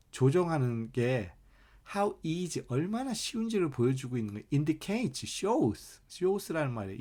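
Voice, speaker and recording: Male English teacher, measured delivery, slows right down on example sentences. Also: on the high side, darkish tone. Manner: explains in Korean, reads English examples slowly and deliberately. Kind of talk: online English lesson.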